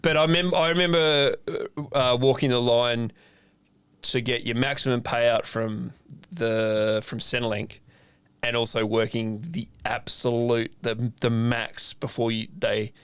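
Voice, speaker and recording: Australian man, chef co-host, casual chat, animated storytelling, acts out quotes, swears a lot, dry close sound. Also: mid-range voice, measured pace, clean tone, no echo. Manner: animated storyteller acting out both sides of a conversation; swears freely.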